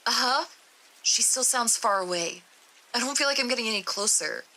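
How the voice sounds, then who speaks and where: A woman's voice: a little high, moderate pace, sharp tone, pitched above the performer's own voice, low-quality recording. A woman voicing a young female test subject, nervous and easily grossed out, talking in a raised, exclaiming voice during a creepy story reading. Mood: wary. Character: young woman test subject descending endless stairs, scared and disgusted.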